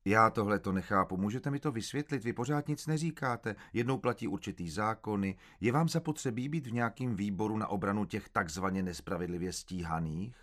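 A man's voice: lowish voice, few pauses, fairly bright tone, pitched above the performer's own voice, close to an everyday voice. A man voicing a stern state interrogator who badgers with rhetorical questions, in an audiobook reading. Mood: hectoring.

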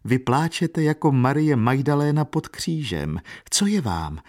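A man's voice: on the low side, lively intonation. A man voicing a kindly, shrewd old woman servant who talks in a coaxing, sly way. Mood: astonished.

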